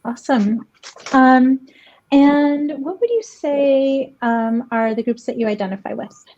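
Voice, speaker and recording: A woman's voice: high-pitched, a little slow, darkish tone. A woman hosting a podcast, asking curious questions in a casual way and laughing easily. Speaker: podcast host. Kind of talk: casual interview. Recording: dull lo-fi sound.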